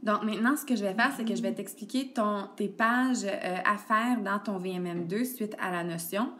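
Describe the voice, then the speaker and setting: A woman teacher walks a child through a grammar lesson. She is patient and steady, full of little "ok"s and "donc"s. It is recorded on a tablet screencast. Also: mid-range voice, normal speed. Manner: patient, addresses the child directly with frequent "ok" and "donc". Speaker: elementary school teacher.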